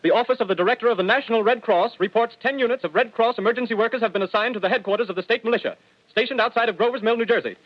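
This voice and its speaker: A man's voice: extremely high pitch, very fast, no echo. A man playing an urgent radio news announcer in old 1930s newsreel style, with clipped, formal delivery. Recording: dull vintage 1930s radio recording.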